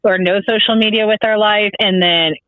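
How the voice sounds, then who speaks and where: A man guesting on a podcast by call, musing in a thoughtful, measured way. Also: high voice, steady tone, no room sound. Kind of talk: casual podcast chat. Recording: tinny phone or call line.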